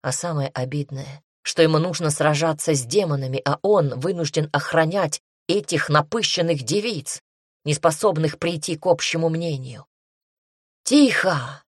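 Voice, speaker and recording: Brief: woman narrator for fantasy audiobook, low voice, husky, dry close mic. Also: normal speed, no echo.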